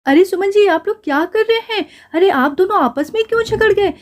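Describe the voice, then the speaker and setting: A woman's voice: very high voice, lively intonation, fairly quick. A woman voicing a middle-aged aunty who lectures a quarreling couple, in a doll drama. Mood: reproachful. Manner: lecturing, reproachful.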